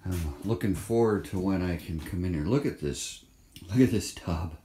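A vlogger films the inside of an empty trailer on his phone for a renovation, walking through it in an offhand, chatty way as if thinking aloud. His low voice is warm and moves at a normal speed, and the bare room sounds echoey with a faint hiss.

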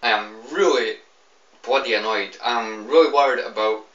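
A tipsy young British man, fed up and sharp-toned, rants off the cuff to camera about video games, repeating himself and swearing. His voice is medium-pitched at normal speed, and the webcam audio from the small indoor room sounds roomy, distant, and slightly dull.

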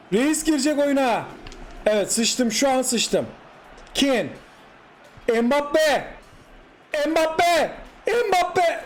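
High-voiced excited young Turkish man gaming. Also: slight background noise. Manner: animated, exclaims and repeats short cries at the screen. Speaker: gaming YouTuber. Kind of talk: excited live gameplay commentary.

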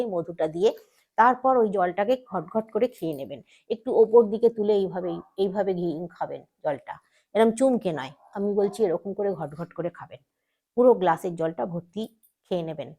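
A woman hosting a devotional channel, giving spiritual advice in a patient, instructive way and repeating each step slowly. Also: fairly low pitch, a little mellow. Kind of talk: casual spiritual advice talk.

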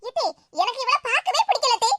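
A woman's voice: very high voice, fast, very noisy. A woman voicing a touchy young cartoon girl who keeps complaining about her sister, with a Tirunelveli Tamil accent. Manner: whiny, complaining. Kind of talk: cartoon voice acting.

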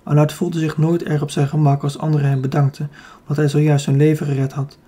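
A man's voice: a little high, level tone, brisk, mellow, breathy edge. A man with a Dutch accent narrating a children's fantasy audiobook, reading steadily with the odd slip and self-correction.

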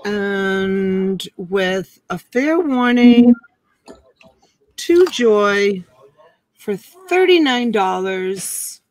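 On a rough recording, a medium-pitched woman in her forties speaks with lively intonation and drawn-out words. She hosts a casual live-stream auction from home, in a room of plush toys and a dress form, through her computer webcam, folksy and chatty while stretching the calls for bids.

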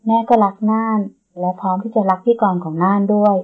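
A woman doing a gentle, loving mother. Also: mid-range voice, fairly even intonation, quick pace, close to an everyday voice. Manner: soft, teasing, warm-hearted. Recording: dull lo-fi recording.

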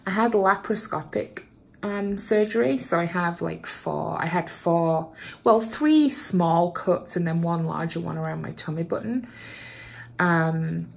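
A woman with a low voice and a gravelly edge chats to her viewers while repotting plants at home. She is bubbly and self-deprecating, laughs at her own slips, and talks into a camera propped up in front of her. The tone stays casual and easygoing. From Canada. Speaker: plant vlogger.

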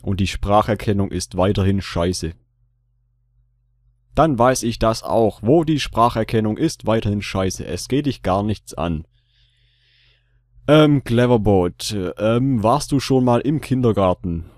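A man's voice: fairly low pitch, a little slow, darkish tone, dry recording, clean studio sound. A man hosting a gaming video in casual commentary, joking and repeating his own lines aloud. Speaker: let's play host.

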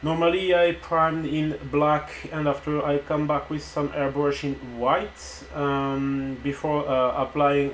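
A man with a French accent, hosting a live painting stream in a relaxed, chatty way and often pausing with hesitant fillers. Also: mid-range voice, echoey room, slight background noise.

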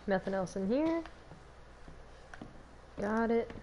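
A woman's voice: a little high, animated, takes it slowly, darkish tone, slight background noise. A young woman giving casual gameplay commentary as a streamer, chatty and giggly, talking to herself. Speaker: game streamer.

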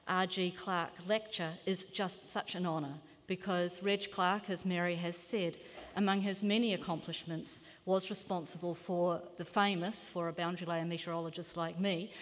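A woman in her fifties with a New Zealand accent, giving a measured, earnest keynote lecture as a climate scientist in a large lecture hall. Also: on the low side, steady tone. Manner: measured, earnest, occasional self-corrections. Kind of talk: formal conference lecture. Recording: long hall reverb.

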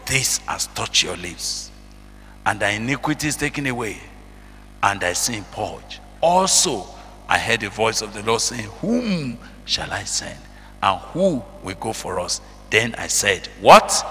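A man's voice: on the low side, moderate pace, sharp tone. A man preaching a sermon, reading scripture in old-fashioned wording and calling out questions to his listeners. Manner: reads scripture aloud in King James wording, calls out questions to the congregation. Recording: long reverb, faint noise and hum.

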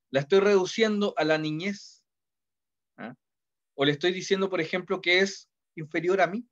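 A man's voice: sits high, a bit bright. A middle-aged man with a Chilean accent teaching a class in a conversational way, often checking in with his students. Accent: Chilean Spanish. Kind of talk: classroom lecture. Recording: dull lo-fi sound.

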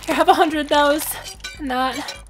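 A man's voice: extremely high pitch, fairly even intonation, unhurried, music in the background, pitched above the performer's own voice. A man talking through a voice changer filter that makes him sound like a girl, playfully pushing items on strangers in casual in-game trolling chat. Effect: voice changer filter making him sound like a girl.

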